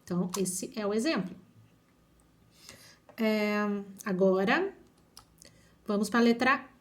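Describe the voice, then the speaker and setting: A woman teaching an online phonics lesson, drawing out each syllable slowly and often checking whether the children follow. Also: mid-range voice. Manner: slow, drawn-out syllables with frequent checking questions. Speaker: primary school teacher.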